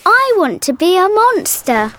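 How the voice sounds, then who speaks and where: A woman voicing a small excited boy in a storybook reading, with a high, bouncy, eager voice. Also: unhurried, a little hiss or hum, exaggerated voice.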